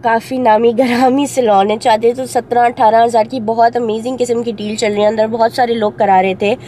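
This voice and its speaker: A woman's voice: a little high, little pitch movement, brisk, dark tone. A young woman from Pakistan chatting casually to a phone camera held at arm's length, telling her story in a car and at a salon. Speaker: vlogger. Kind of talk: casual vlog chat to camera. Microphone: handheld phone camera at arm's length. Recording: noisy street and car background.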